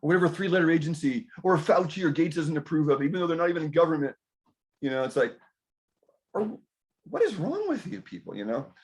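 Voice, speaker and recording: A middle-aged man hosting a casual group health discussion, rambling through animated stories and asides. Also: on the high side, fast talker. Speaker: health talk host.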